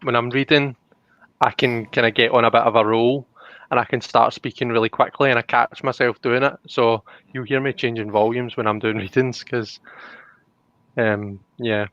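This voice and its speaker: A man's voice: mid-range voice, flat delivery, moderate pace, fairly bright tone, dry recording, muffled recording. A man with a broad Scottish accent chatting casually as a guest on a livestream. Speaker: guest co-host and tarot reader. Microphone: remote call on a livestream.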